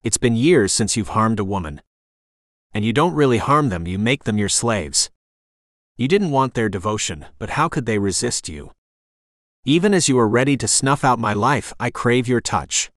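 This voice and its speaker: A man's voice: mid-range voice, expressive, moderate pace, dry recording, studio quality, close to an everyday voice. A man reading the lines of a scheming female witch, taunting and bold, in an audiobook.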